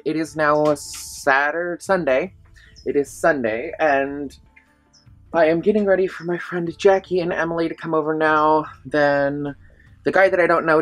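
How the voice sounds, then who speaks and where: A woman vlogging casually to a handheld camera, chatty and rambling, often poking fun at herself. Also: sits low. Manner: chatty, rambling, self-deprecating. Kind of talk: casual diary vlog to camera.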